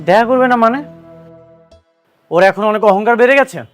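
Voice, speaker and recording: A man's voice: high voice, moderate pace, close to an everyday voice. An actor playing an indignant man who demands to see a woman and questions what he is told, in a TV drama scene. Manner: incredulous, demanding. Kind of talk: TV drama acting. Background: violin music.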